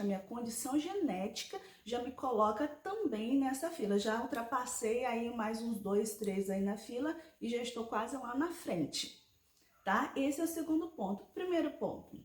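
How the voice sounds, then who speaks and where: A woman's voice: on the high side, darkish tone. A woman in her forties explaining a health topic in a conversational personal vlog, often checking in with the viewer. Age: 40s. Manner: conversational, explanatory, with frequent tag questions. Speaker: vlogger. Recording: echoey room.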